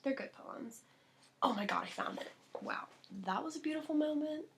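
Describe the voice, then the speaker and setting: A young woman chatting to her camera at home in a gushing, rambling way, full of filler words and bursts of laughter. She sounds a little out of breath and talks in a relaxed, personal way. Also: sits high, brisk, creaky, a little hiss or hum. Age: young adult. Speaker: vlogger. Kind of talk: casual chat to camera. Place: at home, indoors.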